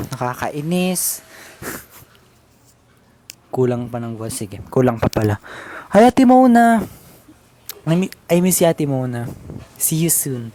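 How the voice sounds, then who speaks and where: A man chatting casually on a livestream, playful and teasing as he talks straight to his viewers and reads their comments. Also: fairly high pitch. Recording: steady background noise with clicks.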